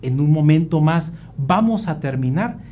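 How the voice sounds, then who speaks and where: A man's voice: fairly high pitch, animated, unhurried, mellow, slight background noise. A middle-aged man giving a faith-based family talk, telling a personal story in an earnest way. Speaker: family workshop speaker.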